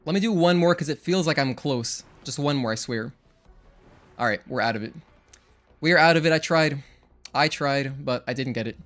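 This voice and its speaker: A young man with a mid-range voice speaks at a moderate pace while streaming a game, chatting casually with viewers. His first language is Spanish. He's talkative, thinks out loud, and counts his combo hits.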